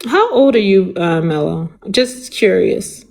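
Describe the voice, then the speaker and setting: A woman's voice: medium pitch, animated, slow, vocal fry, a little mellow. Flirty woman chatting on a panel, teasing, nosy questions, casual talk. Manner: teasing, inquisitive.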